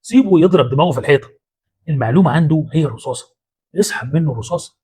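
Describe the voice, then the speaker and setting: A man's voice: on the high side, lively intonation, racing, dark tone, husky. A man with an Egyptian Arabic accent hosting a motivational psychology talk in a colloquial, punchy way with street-slang asides. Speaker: host.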